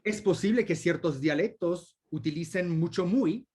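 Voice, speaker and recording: A man's voice: high voice, moderate pace, darkish tone, husky. Thoughtful man fielding questions after a talk. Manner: explains thoughtfully with many examples. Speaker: guest speaker answering questions. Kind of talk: academic Q&A discussion.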